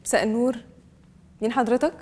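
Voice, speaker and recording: A woman's voice: a little high, steady tone, quick pace, a little mellow, in a large hall, slight background noise, natural voice. An actress playing a courteous mother in a TV comedy, with an Egyptian Arabic accent, polite and confused. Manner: polite and puzzled. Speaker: schoolboy's mother. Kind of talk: TV comedy series acting.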